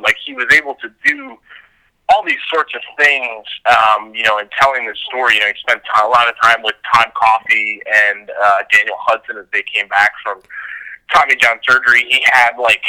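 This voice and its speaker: A man's voice: fairly low pitch, sharp tone, rough recording. A man chatting as a podcast guest, rambling with lots of filler words. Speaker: guest baseball reporter. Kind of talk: casual podcast chat by phone.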